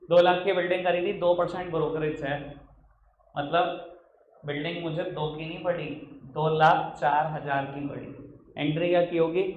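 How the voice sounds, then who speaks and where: A man from Uttar Pradesh with a high voice lectures on accountancy in an echoey classroom, moving between Hindi and English. He chides and teases his students and slows right down to read each question in English. A faint hiss sits under the room. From Uttar Pradesh, India. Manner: chiding, teasing teacher who calls students "babu"; reads questions out slowly in English. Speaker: accountancy teacher.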